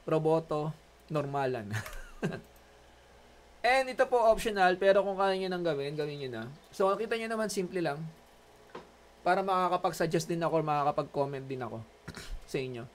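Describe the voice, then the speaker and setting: Filipino-accented man, college instructor, online lecture, joking and chatty, fairly high voice. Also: slight background noise. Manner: joking, chatty Taglish teaching.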